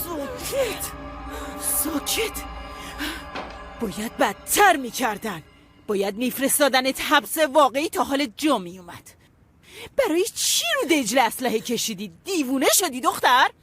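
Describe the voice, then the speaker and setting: An actress voicing a middle-aged mother who scolds and warns her headstrong daughter, hushing her sharply. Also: high-pitched, big pitch swings, faint music behind. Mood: scolding. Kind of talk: TV drama dub.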